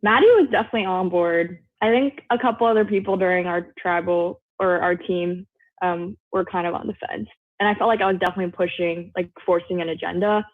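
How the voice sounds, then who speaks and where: A woman's voice: on the low side, fairly even intonation, a little fast, no room sound. A woman, a former contestant, chatting casually on a video call, rambling and saying "like" a lot. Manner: rambling, heavy use of "like". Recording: tinny phone-like audio.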